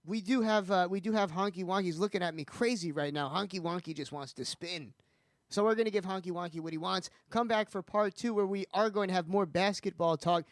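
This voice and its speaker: A man hosting a casual sports chat on his radio show, with smooth radio-style sign-offs. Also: sits high, a little fast, no echo, studio quality.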